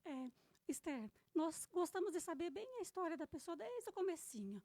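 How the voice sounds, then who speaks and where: A woman podcast host with a notably high voice leans into long, coaxing questions that wander before landing. Her sound is dry and close, with no room around it, right on a studio mic. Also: sing-song, moderate pace, no room sound. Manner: warmly coaxing, rambling questions. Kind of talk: interview questions.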